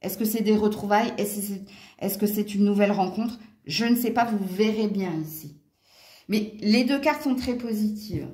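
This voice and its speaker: A woman's voice: medium pitch, moderate pace, mellow. A woman with a Franche-Comté accent giving a casual tarot and astrology reading from home, chatty and full of little exclamations and hein tags. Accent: Franche-Comté French. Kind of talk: casual card reading for viewers. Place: at home near a window. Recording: roomy echo.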